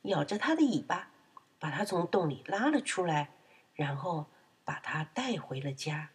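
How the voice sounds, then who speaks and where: A woman reading a children's storybook aloud with an expressive, gentle manner. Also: lowish voice, a little slow, slightly rough.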